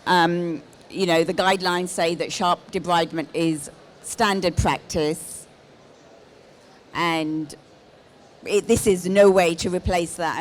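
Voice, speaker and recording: A middle-aged woman giving a live presentation on a handheld microphone as a lead clinician. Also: on the low side. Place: exhibition stand in a large busy indoor hall. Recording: live hall with clear background noise.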